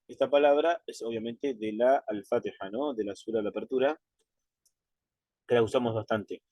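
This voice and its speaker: A man teaching Quran recitation in an online lesson, patient and methodical, checking in with his students and slowing right down to model drawn-out pronunciations. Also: mid-range voice, no echo, dull audio.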